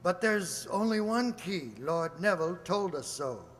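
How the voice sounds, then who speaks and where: Radio mystery sidekick doctor played by a man: genial, plain-thinking, slow delivery, long reverb. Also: high-pitched, animated, a bit bright. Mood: puzzled. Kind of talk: radio play acting.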